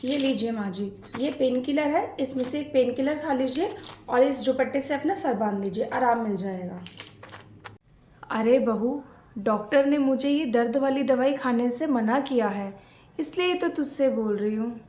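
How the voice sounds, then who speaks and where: A woman's voice: high-pitched, moderate pace, a little mellow, roomy sound, a little hiss or hum. A woman acting out a scripted family skit, playing both a mother-in-law and a daughter-in-law.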